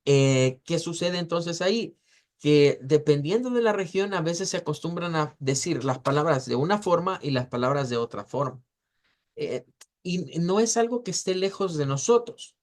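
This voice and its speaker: Male teacher drawing words out slowly. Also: fairly high pitch, animated. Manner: explains step by step, slowing to model words syllable by syllable. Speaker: English pronunciation teacher. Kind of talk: online class lecture.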